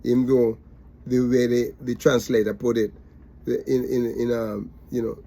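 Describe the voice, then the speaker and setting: A man's voice: medium pitch, little pitch movement, normal speed, creaky, mellow. A man teaching a Bible study, repetitive and emphatic, with many fillers.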